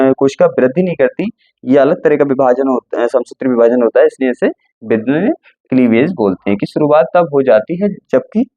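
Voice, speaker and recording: A man's voice: medium pitch, no room sound, narrow, tinny audio. A male teacher going through a textbook line by line, often asking a question and answering it himself.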